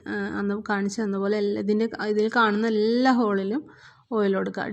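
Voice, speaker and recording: A woman's voice: mid-range voice, a little mellow. A woman giving a patient step-by-step sewing lesson, repeating each step and checking that learners follow. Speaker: sewing teacher.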